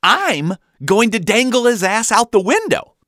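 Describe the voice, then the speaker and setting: A man voicing a stressed middle-aged dad who shouts loud commands from behind the wheel, pitched well above his own voice. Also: big pitch swings, measured pace, no echo, studio quality, exaggerated voice. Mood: barking.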